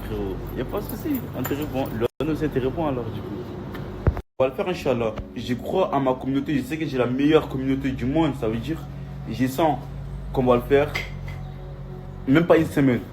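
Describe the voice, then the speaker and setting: A man's voice: medium pitch, lively intonation, a little fast. A man chatting casually to his followers in street slang, often repeating his phrases. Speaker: vlogger. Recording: noisy outdoor phone video, traffic.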